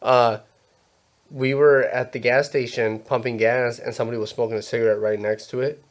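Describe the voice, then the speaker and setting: A man's voice: mid-range voice, level tone, normal speed. A young man hosting a casual podcast chat. He rambles through stories, swears often and acts out what people said. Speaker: podcast host.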